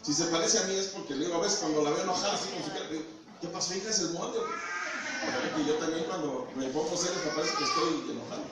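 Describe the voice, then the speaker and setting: Mexican pastor preaching in an echoey hall. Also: male voice, on the high side, fast talker. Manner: conversational preaching, quizzing the congregation. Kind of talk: sermon. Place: church hall. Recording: echoey hall, from far off, noisy.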